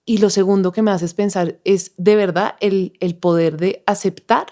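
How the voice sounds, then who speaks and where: A woman's voice: medium pitch, fairly even intonation, normal speed, dark tone. A woman hosting an interview, responding to her guest in a reflective, thoughtful way. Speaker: host. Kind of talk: conversational interview.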